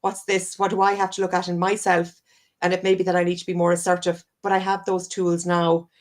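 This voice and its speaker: With a fairly low pitch and flat delivery, this Irish woman speaks a little fast. She's a wellness coach being interviewed on a live-streamed video call, earnest and long-winded, circling back again and again to correct herself.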